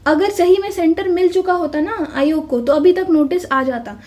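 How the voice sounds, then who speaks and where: Speaking at normal speed, a woman with a very high-pitched, darkish voice tells viewers about exam news. She sounds casual yet insistent, often addressing them as "bhai" and confirming with "theek hai."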